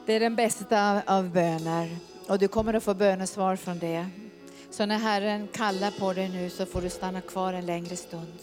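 A woman leads charismatic prayer in a fervent, repetitive way, sometimes speaking in tongues. Her voice sits at a middle pitch. Soft instrumental music plays faintly behind her. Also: fairly even intonation. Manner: fervent, repeats phrases, slips into speaking in tongues. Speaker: prayer leader.

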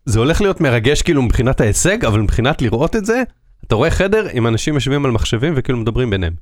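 A man's voice: mid-range voice, very animated, dry recording, studio quality. A man co-hosting a casual chat, telling stories with many hesitations. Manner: storytelling, hesitant with fillers. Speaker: co-host.

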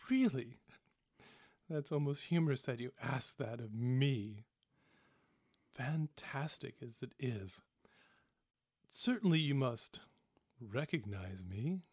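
A man's voice: mid-range voice, takes it slowly, pauses often, darkish tone, no room sound, clean studio sound. A man voicing a sing-song sinister ambassador. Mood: amused. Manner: smirking, coaxing, gleeful about harm. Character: sinister older male shapeshifter ambassador, silky and cruel.

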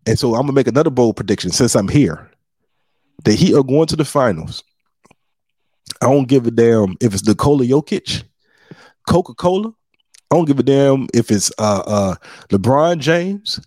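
A male podcast host and comedian trading casual, boastful banter. His mid-pitched voice is husky, and he stretches out words for emphasis. The recording is close and dry, with no room sound. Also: no room sound. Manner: boastful, animated trash talk with frequent laughs.

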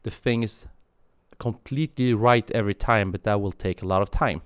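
A Swedish man in his thirties, a guest, gives interview answers in a deep, low voice. He's thoughtful and halting, full of fillers and restarts. The sound is close, dry and clean, with no echo.

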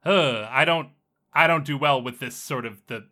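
A game master voicing a chatty mystery boss who speaks through a drone, with a metallic voice and lots of stammered restarts. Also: male voice, mid-range voice, moderate pace, sharp tone, natural voice. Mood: smug. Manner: chatty, faltering, full of restarts.

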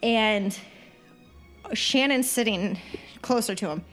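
On a podcast she co-hosts, a woman tells a story in casual conversation, animatedly acting out the people she quotes. Her voice sits in the mid-range and she speaks slowly, with faint music in the background.

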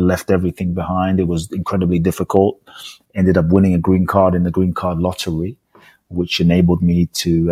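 A man with a very deep, husky, darkish voice, born in Ghana and raised in London, speaks as a podcast guest; he is a speaker and author. In a reflective interview, he tells personal stories earnestly and emphatically, repeating phrases for rhetorical effect. The recording has no room sound.

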